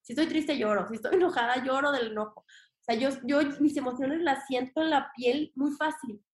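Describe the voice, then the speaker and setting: A young adult woman with a Mexican accent, a podcast guest chatting casually in an expressive, slangy way and acting out her inner voice. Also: high-pitched, normal speed. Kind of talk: casual conversation. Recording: echoey room.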